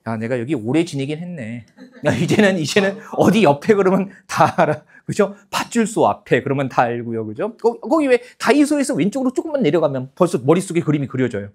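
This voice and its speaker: A man's voice: on the high side, fairly quick. A man in his fifties lecturing a class of exam-takers, chatty, checking in with the room and acting out students' lines. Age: 50s. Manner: animated, acts out students in put-on voices.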